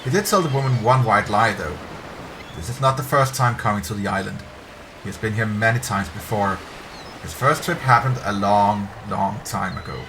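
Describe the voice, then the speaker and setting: Seated at a streaming desk indoors, a middle-aged man gives a dramatic read-aloud of a story, narrator-style, occasionally tripping over words. He speaks at a moderate pace in a fairly low voice, against clear background ambience noise.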